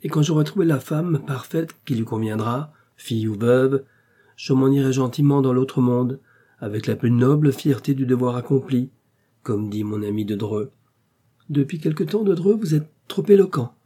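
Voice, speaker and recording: A man reading aloud, voicing a haughty, sharp-tongued old countess in an audiobook. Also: mid-range voice, normal speed, slightly rough, lightly acted. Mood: grandly teasing. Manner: haughty, teasing, emphatic.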